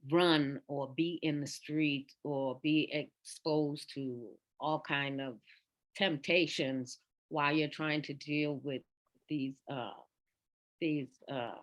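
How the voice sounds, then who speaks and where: A woman speaking at a recovery forum, a former treatment nurse who talks earnestly and deliberately, pausing to find her words. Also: sits low, highs cut off. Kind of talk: personal talk at a recovery forum.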